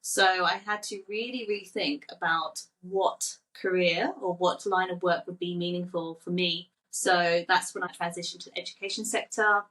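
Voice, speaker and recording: A woman in her forties who grew up in Thailand, speaking in a lowish voice. She tells family stories in a relaxed podcast chat and laughs lightly now and then. She sits a little back from the mic, so her voice sounds slightly distant. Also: normal speed, hardly any pauses. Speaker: children's book author. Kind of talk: casual podcast conversation.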